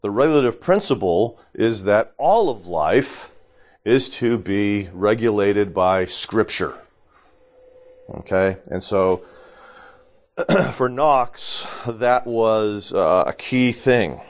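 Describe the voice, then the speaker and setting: A man teaching a small church class, deliberate and lightly joking, checking in with his listeners and coughing now and then. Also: on the low side, animated. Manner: deliberate, adds joking asides and checks in with "okay?".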